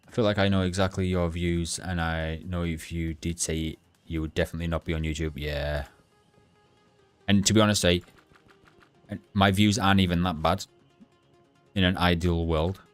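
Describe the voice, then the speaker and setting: Blunt, rambling man, very low voice. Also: steady tone, clear, resonant tone, faint music behind. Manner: blunt, rambling, halting restarts. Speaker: gaming livestreamer. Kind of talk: rambling casual chat to a live chat.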